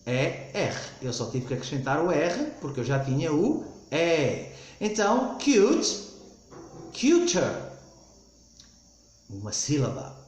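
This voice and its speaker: A man teaches an English grammar lesson, speaking slowly and repeating key points with frequent "ok?" checks. His voice sits a little high and moves through a lively pitch range. The recording has a roomy echo. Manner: slow, repetitive explaining, frequent "ok?" checks.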